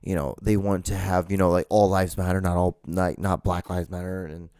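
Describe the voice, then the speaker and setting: A man from Honduras hosting a podcast, talking through a casual monologue in an emphatic, halting way, with many restarts and fillers. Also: deep voice, level tone, darkish tone, smooth, no room sound, studio quality. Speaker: podcast host.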